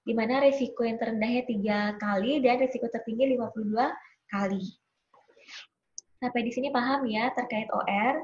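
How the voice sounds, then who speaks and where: A woman lecturer patiently walking students through a statistics software tutorial, often checking in with them. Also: on the high side, muffled recording. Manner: patient, addresses listeners politely, frequent "ya" checks. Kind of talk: screen-recorded software tutorial.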